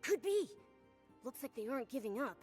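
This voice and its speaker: High, lively little companion creature. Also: female voice, normal speed. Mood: curious, friendly. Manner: animated, expressive. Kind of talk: scripted game dialogue. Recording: game music behind.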